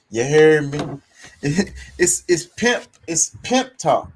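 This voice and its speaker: A man's voice: fairly high pitch, big pitch swings, extremely slow, a little hiss or hum. Emphatic, blunt-talking male podcast host. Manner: emphatic, swears freely, slangy. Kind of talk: casual talk.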